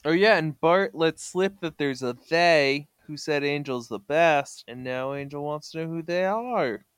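A man's voice: fairly high pitch, measured pace, a bit bright, clear, resonant tone, no echo. A man co-hosting a casual comic book club podcast, joking and enthusiastic about the panels. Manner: joking, enthusiastic, looks facts up mid-chat. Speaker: podcast co-host.

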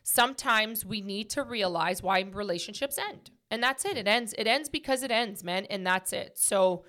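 A woman's voice: medium pitch, animated, normal speed. A woman hosting a podcast, talking casually with lots of fillers and restarts. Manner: chatty, warm-hearted, many fillers and restarts. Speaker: podcast host.

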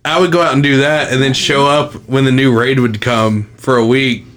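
A man's voice: medium pitch, fairly even intonation, moderate pace, fairly bright tone. A man hosting a casual podcast, bantering and swearing freely. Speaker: podcast host.

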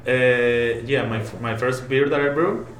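A man from Venezuela with a Venezuelan Spanish accent, a brewer answering interview questions in halting English as he searches for words. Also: medium pitch, steady tone, a loud crowd. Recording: roomy sound with background noise.

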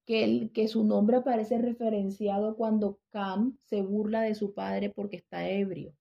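Gravelly woman teaching the Bible. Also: mid-range voice, level tone, unhurried. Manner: checks in with listeners, frequent restarts. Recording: dull lo-fi recording.

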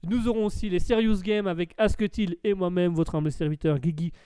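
A man's voice: high voice, steady tone, fairly quick, mellow, clean tone, no room sound. A man hosting a casual web radio show, talking in a chatty way and announcing upcoming segments. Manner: chatty, with fillers and restarts.

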